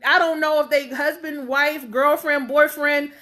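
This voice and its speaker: A woman in her thirties vlogging straight to camera, with a rather high, bright and forceful voice. She rambles and speaks bluntly, leaning on fillers as she goes. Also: steady tone, measured pace. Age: 30s. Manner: blunt and outspoken. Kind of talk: casual talk to camera.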